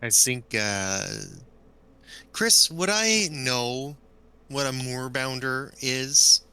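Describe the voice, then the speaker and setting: A man chats his way through a tabletop game in a hesitant drawl, pausing often. His voice is strikingly bright and tense, yet smooth and clear. He speaks slowly. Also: medium pitch, no room sound. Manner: drawling, hesitant, with frequent uhs. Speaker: player. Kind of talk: casual tabletop game chat.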